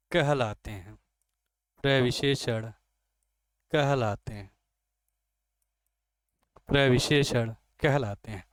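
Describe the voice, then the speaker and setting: A man's voice: medium pitch, clear, resonant tone, no room sound. A man teaching grammar in an exam-coaching lesson, asking a question and then answering it himself, and repeating each key term several times.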